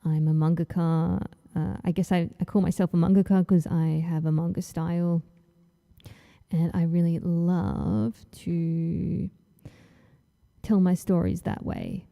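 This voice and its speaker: A woman's voice: lowish voice, flat delivery, unhurried, vocal fry, dark tone. An Australian woman hosting her own livestream in a casual, chatty way, a little nervous and full of ums as she talks and draws. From Tasmania, Australia. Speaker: comic artist hosting her launch stream. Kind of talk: casual livestream chat while drawing.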